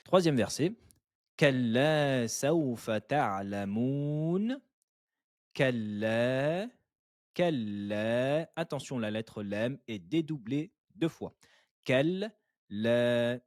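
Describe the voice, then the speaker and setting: A man's voice: mid-range voice, darkish tone, breathy edge, dry recording, clean studio sound. A man teaching Quran recitation step by step, patiently repeating syllables and encouraging the learner. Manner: patient, drills syllables slowly and repeats them; encouraging, praises the learner often. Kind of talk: step-by-step tajwid lesson.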